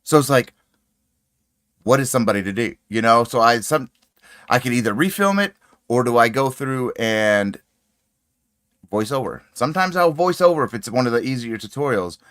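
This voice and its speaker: A man's voice: mid-range voice, animated, moderate pace, pauses often, no echo, studio quality. Chatty man hosting a crochet livestream. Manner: chatty, greets viewers warmly, laughs often. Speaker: crochet channel host. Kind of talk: casual livestream chat. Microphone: desk microphone.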